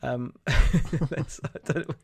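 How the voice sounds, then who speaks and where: A male podcast host talks through the news in a casual way. His voice is nasal and congested from a head cold, at a middling pitch. The sound is very dry, with no room around it. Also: drawn-out words, creaky, breathy edge, dry recording. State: bunged up with a cold.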